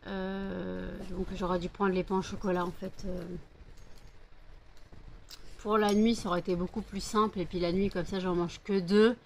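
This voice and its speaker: A woman's voice: mid-range voice, flat delivery, moderate pace, creaky, a little hiss or hum. A woman from France chatting casually in a vlog, rambling with many fillers and cooing baby talk to her dogs between remarks. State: sleepy and hot. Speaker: vlogger.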